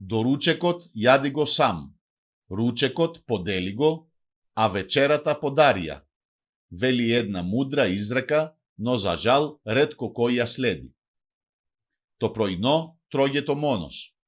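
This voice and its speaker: A man reads a scripted language lesson, his pitch rising and falling in an animated way. He says each word and then its translation in a steady, measured teaching rhythm. His voice sits at an ordinary middle pitch for a man. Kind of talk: scripted bilingual lesson narration.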